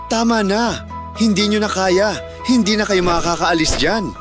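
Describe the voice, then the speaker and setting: A storyteller voicing a crowd of discouraging frogs shouting down into a well in a children's storybook. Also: mid-range voice, a little slow, over music, natural voice. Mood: jeering.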